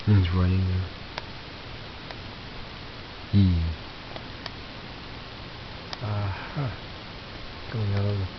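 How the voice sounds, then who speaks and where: Over a faint hiss and slightly muffled sound, a man in his fifties casually rambles about his flea market finds. His slightly low voice stumbles along with fillers and frequent restarts.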